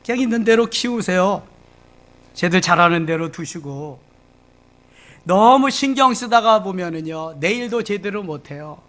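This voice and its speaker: Man, pastor, sunday sermon, middle-aged, higher voice, dramatic loud outbursts. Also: lively intonation, measured pace. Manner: dramatic, acting out disciples and scolding with sudden loud bursts. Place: church sanctuary.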